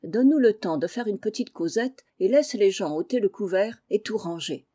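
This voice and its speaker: A woman's voice: mid-range voice, expressive, moderate pace, dark tone, natural voice. Woman voicing a good-humored old military uncle, teasing. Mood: jovial. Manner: cheerful and teasing. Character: jovial old general, an uncle.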